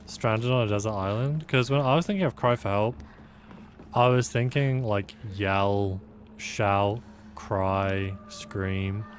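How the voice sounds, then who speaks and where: A streamer with a fairly low voice speaks slowly as he thinks aloud about a puzzle during casual let's-play commentary, sounding sleepy and down on himself in a joking way. A little hiss or hum is audible.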